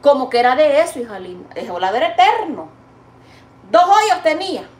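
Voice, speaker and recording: High-voiced woman chatting in her kitchen. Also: sing-song, brisk, darkish tone, reverberant. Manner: chatty, rambling, calls the viewer "niña" and "hija linda". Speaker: cooking vlogger. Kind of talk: casual chat while cooking. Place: home kitchen, indoors.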